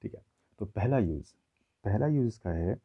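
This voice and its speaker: A man teaching a classroom grammar lesson, explaining slowly and checking in with his listeners often. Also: on the low side, lively intonation, breathy edge. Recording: tinny phone-like audio.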